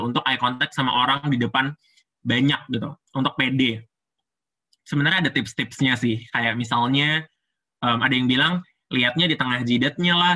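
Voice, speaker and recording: Bright-voiced man teaching public speaking. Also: medium pitch. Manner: chatty, explains step by step with frequent fillers. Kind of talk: casual explanatory lesson.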